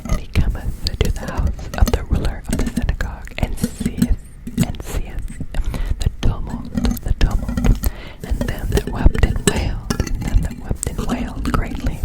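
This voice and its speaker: An ASMR reader softly reading scripture in a whisper doubled by a second layered whisper track, often repeating phrases. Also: measured pace. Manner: soft unvoiced whisper, echoing phrases back in repeats.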